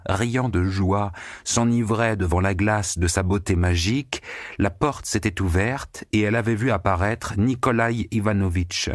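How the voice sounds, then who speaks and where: A man reading a novel aloud as an audiobook narrator, with steady, measured storytelling. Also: low-pitched, no room sound, clean studio sound. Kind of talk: scripted narration.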